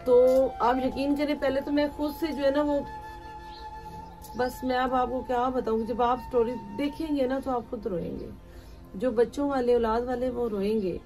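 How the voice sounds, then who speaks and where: A woman hosting an emotional charity vlog, speaking gently and coaxingly as she talks to camera and to young children. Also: high-pitched, steady tone, normal speed. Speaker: charity vlogger. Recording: music playing underneath.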